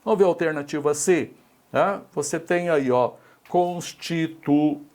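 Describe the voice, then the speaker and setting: A man's voice: a little high, unhurried, a little mellow. A middle-aged Brazilian man with a Brazilian Portuguese accent teaching an exam-prep grammar lesson, explaining step by step and checking in with tag questions.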